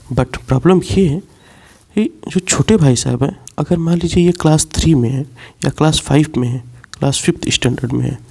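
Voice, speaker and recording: A man's voice: medium pitch, gravelly, darkish tone, slightly rough. A man teaching a class as a lecture, explaining step by step and repeating key points. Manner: explains slowly, repeats key points, mixes in English words.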